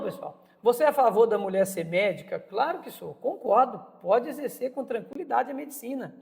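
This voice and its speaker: A man's voice: sits high, gravelly, a little mellow, in a large hall. A Brazilian man in his fifties hosting a casual interview, opinionated and often repeating words as he searches for them. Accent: Brazilian Portuguese. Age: 50s. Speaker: podcast host and interviewer.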